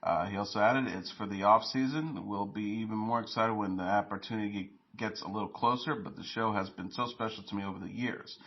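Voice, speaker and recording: Low-voiced man reading entertainment news. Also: fairly even intonation, fairly quick, few pauses, highs cut off. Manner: reads quotes in the same plain voice, with small slips and fillers.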